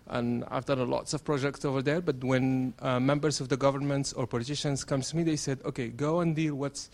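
A man from Morocco in the audience, a campaigner asking a question hesitantly, with many fillers. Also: medium pitch.

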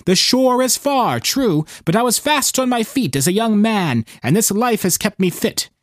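A man's voice: high-pitched, animated, no echo, clean studio sound, pitched above the performer's own voice. A man voicing a cheerful, placid older fisherman in a storybook reading, speaking heartily and without hurry in a raised voice. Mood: wry. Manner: hearty and unhurried.

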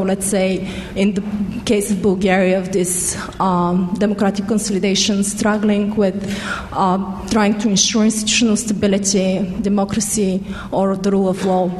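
A woman's voice: medium pitch, little pitch movement, normal speed, few pauses, a little mellow. Woman audience questioner, hesitant and filler-heavy, echoey hall. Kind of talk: question from the floor at a panel. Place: large hall. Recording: echoey hall, faint background noise.

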